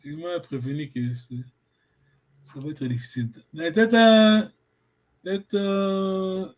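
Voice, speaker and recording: Guy from congo teaching a language class, high voice, keeps stopping to hunt for words. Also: fairly even intonation. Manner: halting, searching for words, many fillers and restarts. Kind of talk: informal online language lesson.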